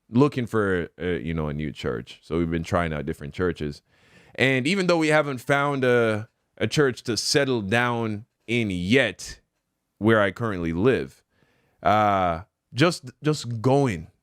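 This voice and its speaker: Man, low voice, smooth and clear, earnest preachy reaction commentary, dry close sound. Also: dry recording. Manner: earnest, preachy, repeats points for emphasis.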